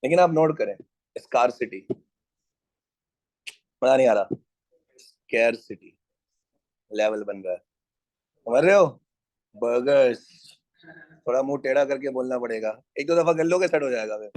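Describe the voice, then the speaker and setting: A man's voice: medium pitch, expressive, fast, a little mellow, no echo. A man teaching an economics class in a casual, joking way, drilling his students on pronunciation.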